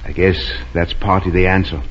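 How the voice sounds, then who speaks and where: An actor playing a kindly, gently humorous small-town family doctor in a 1940s radio drama. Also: male voice, deep voice, fairly even intonation, normal speed, natural voice. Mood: regretful, pondering. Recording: dull, noisy 1940s radio recording.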